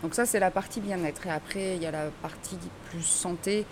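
A woman's voice: lowish voice, a little fast, noisy background. A woman interviewed about her writing, speaking hesitantly with many restarts. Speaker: guest author. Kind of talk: casual interview.

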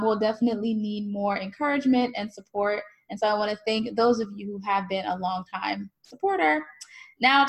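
A female podcast host with a fairly high, slightly bright voice delivers a scripted show intro, then interviews her guest in a friendly way, using many fillers.

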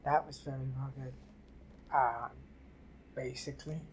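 An older woman from New City, telling her life story haltingly in an oral history interview. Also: extremely low pitch, steady tone, slight background noise. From New York City. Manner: halting, repeats and restarts phrases. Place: library office.

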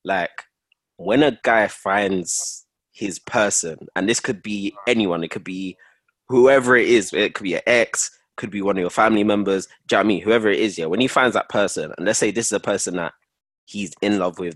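A man's voice: low-pitched, a little fast, fairly bright tone, dry recording. A man in his twenties with a London accent and roadman slang, chatting casually among friends. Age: 20s. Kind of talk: casual group chat.

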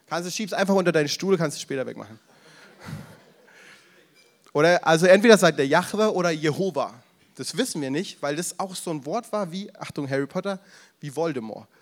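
A man preaching a casual youth sermon, retelling the story with slang, acting out the crowd's voices and breaking off for asides to the audience. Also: on the high side. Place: event room with audience, drinking beer.

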